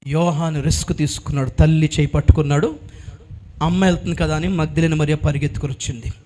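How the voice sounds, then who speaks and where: High-voiced, animated male preacher. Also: quick pace. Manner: animated storytelling, calls on the congregation to respond. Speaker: pastor. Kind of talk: sermon.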